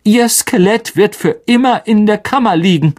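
A man's voice: sits high, normal speed, a little mellow, voice pushed up. A man voicing a stern older female teacher in an audiobook reading, grave and commanding. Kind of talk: audiobook character voice.

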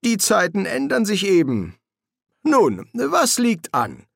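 Audiobook demon, nervous and eager to please, stammering, gravelly edge, as a male narrator puts him on. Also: sits high, huge pitch swings, slow, a bit bright, no echo, studio quality, voice pushed up, full character voice. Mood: whiny. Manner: stammering, hesitant.

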